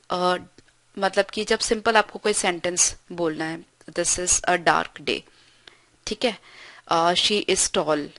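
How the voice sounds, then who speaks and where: Female grammar tutor, mid pitch, patient and explanatory, recorded dry and close. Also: fairly bright tone, no room sound. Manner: explains patiently, reads example sentences slowly; frequent checking "ठीक है". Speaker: English grammar teacher.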